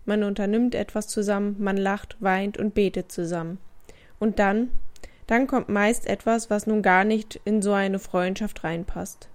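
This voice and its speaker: A woman's voice: mid-range voice, fairly even intonation, unhurried. A woman giving a scripted Bible devotional, asking the listener questions directly. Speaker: devotional speaker.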